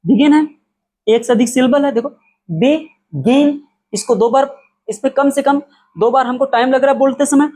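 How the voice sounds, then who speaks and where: A man from India teaching an English spelling lesson, repeating key words slowly and answering his own questions as he explains. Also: extremely high pitch, steady tone, darkish tone.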